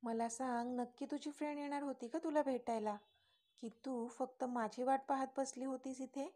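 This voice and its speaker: A woman's voice: sits high, fairly even intonation, normal speed, dark tone, natural voice. Woman reading as a teasing young man in love. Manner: teasing, smirking, pressing questions.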